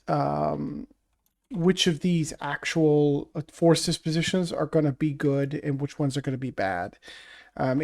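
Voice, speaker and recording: A man with a voice a little higher than usual for a man, talking through a tabletop wargame as a podcast co-host. He speaks in a measured way, often pausing and restarting his sentences. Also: warm tone. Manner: measured, hesitant, frequent restarts. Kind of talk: casual chat about a tabletop wargame.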